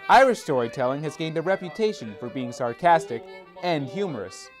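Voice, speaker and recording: A man's voice: a little high, lively intonation, a little fast, soft background music. A man narrating a scripted local news report as the reporter.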